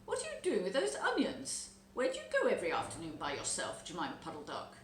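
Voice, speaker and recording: Storybook collie played by a woman: wise male dog, brisk interrogator, roomy sound with noise. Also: fairly low pitch, huge pitch swings. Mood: probing. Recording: roomy echo, background noise.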